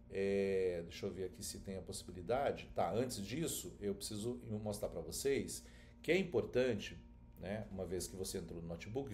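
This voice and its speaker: Casual man with a mellow voice. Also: lowish voice. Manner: informal, addresses viewers directly, frequent filler checks. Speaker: teacher. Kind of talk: screen-share tutorial.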